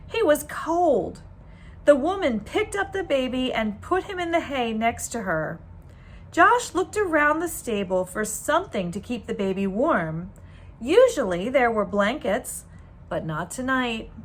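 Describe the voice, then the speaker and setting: A teacher, a woman, reads a children's storybook aloud with deliberate, expressive storytelling. Her voice sits on the high side, and there's a slight hiss or hum in the recording.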